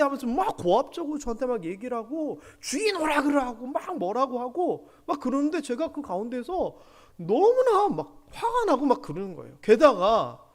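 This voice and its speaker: A man in his forties preaching a sermon in a church, telling stories with animation, asking the congregation questions and dropping to whispered asides. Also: very high-pitched. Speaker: pastor. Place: church sanctuary.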